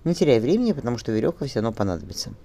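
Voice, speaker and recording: A man's voice: mid-range voice, big pitch swings, racing, warm tone. A man reading an audiobook and voicing a resolute young mother, firm and tender with her daughter, his voice raised somewhat. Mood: determined.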